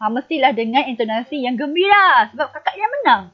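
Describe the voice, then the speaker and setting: A woman's voice: high voice, animated, fast, highs cut off, soft background music. A woman primary school teacher giving a recorded online lesson, patiently asking the pupils questions and answering them herself.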